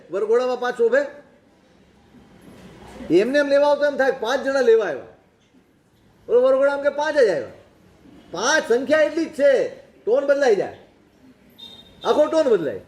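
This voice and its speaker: A man's voice: extremely high pitch, animated, normal speed, pauses often, a little mellow. A man, a monk, delivering a sermon that mixes stories with rhetorical questions. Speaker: Jain monk preacher. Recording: roomy echoing recording.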